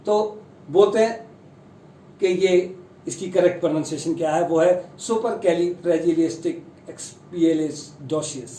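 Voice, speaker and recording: Man slowly teaching word pronunciation. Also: high voice, dark tone, echoey room, recorded from a distance, slight background noise, low-quality recording. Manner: slow, careful spelling-out of long English words; self-deprecating, chatty. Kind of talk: Hindi-language pronunciation lesson.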